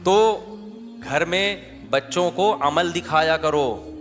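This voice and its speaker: A man's voice: fairly high pitch, in a large hall. A man with a Pakistani Urdu accent giving a conversational sermon, telling everyday anecdotes in a colloquial way and acting out the voices of the people in his stories. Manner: colloquial, acts out quoted voices, lively storytelling. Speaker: Islamic preacher.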